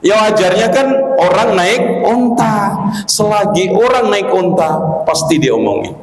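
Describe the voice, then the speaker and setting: A man preaching a lively study lecture, acting out characters in colloquial speech. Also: high voice, unhurried. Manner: animated storytelling, acting out characters in colloquial slang. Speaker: Islamic preacher. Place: mosque. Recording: echoey hall with faint ambience.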